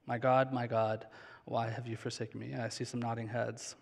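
A man's voice: medium pitch, little pitch movement, creaky. Thirtysomething guy preaching on a big church stage, earnest, drags out the big lines, long hall echo. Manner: earnest, slows down on key phrases. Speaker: pastor. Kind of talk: sermon. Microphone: headset.

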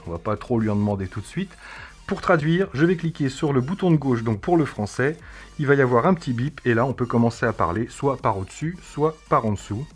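A man reviewing a tech product, explaining its menus in a casual demo with frequent hesitations. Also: medium pitch. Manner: explanatory, with frequent "euh" fillers.

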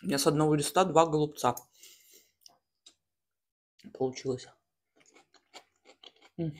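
A woman in her thirties chats casually and slangily while eating in a mukbang, chewing and smacking, with pauses between bites. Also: sits low. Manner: colloquial, slangy. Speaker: mukbang host. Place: small room at home, at a table.

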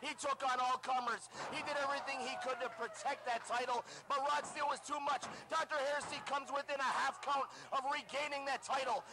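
A man calling a wrestling match on commentary, delivering loud hyped-up promos for upcoming shows. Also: extremely high pitch, fairly even intonation, brisk, hardly any pauses, background noise.

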